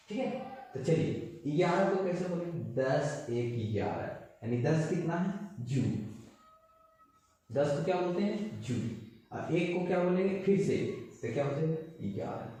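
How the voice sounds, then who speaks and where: A man teaching a class as a language teacher. He asks questions and answers them himself, and he repeats each word slowly. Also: fairly high pitch, mellow, slight background noise. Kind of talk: classroom lesson. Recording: echoey, mic far off.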